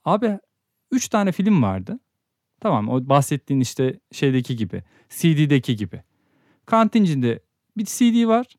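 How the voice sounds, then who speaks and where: Lively, teasing young man. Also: a little high, normal speed, dry recording, studio quality. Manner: animated, teasing storyteller. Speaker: podcast co-host. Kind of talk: casual podcast chat.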